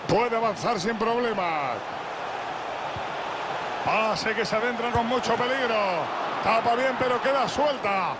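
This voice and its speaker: A high-voiced man from the commentary box calls a football match in a Castilian Spanish accent, in the manner of excited goal commentary. Loud stadium noise surrounds his voice throughout. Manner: excited goal calls with drawn-out repeated shouts. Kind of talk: football video game play-by-play commentary. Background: roaring stadium ambience.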